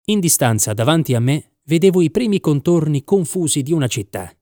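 Measured male audiobook narrator, dry sound. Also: fairly high pitch, lively intonation, warm tone, no echo. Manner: measured, reflective reading. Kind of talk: scripted first-person story narration.

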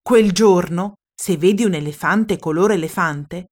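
A woman reading a children's picture book aloud in a lively, expressive way. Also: on the low side, measured pace. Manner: lively, expressive read-aloud with playful character voices. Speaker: storyteller.

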